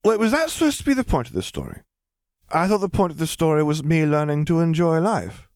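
A man voicing a sharp-tongued young witch girl who talks bluntly and bossily, in a storybook reading. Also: fairly high pitch, big pitch swings, brisk, no echo, studio quality, voice pushed up. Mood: exasperated. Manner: blunt, matter-of-fact, bossy.

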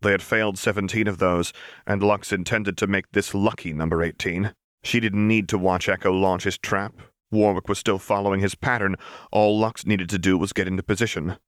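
A male narrator reads an action-fiction audiobook in a measured, dramatic way with a steady tone and a lowish voice. The sound is very dry and close, with no room sound.

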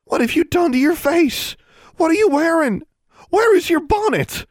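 Squeaky ozark teen girl, shocked and scolding her little sis, way up high. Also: lively intonation, a little slow, no room sound, studio quality. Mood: appalled scolding. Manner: shrill, sputtering. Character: appalled teenage girl, scolding older sister.

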